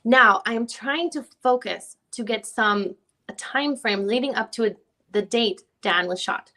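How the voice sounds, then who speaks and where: In a dramatic reading of a deposition, a woman plays a persistent defense attorney questioning a witness, often rephrasing her questions in a pressing, methodical manner. Her voice is fairly high, a little slow, sharp, and exaggerated.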